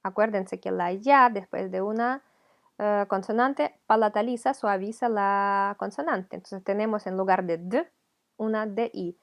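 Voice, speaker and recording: A woman's voice: mid-range voice, a little slow. A woman with a Ukrainian accent, a teacher explaining a video lesson patiently, step by step. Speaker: language teacher.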